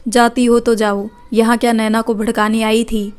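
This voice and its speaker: A woman's voice: on the high side, little pitch movement, normal speed, close to an everyday voice. A woman voicing a harsh, domineering older mother-in-law in a read-aloud family story. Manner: scolding, commanding.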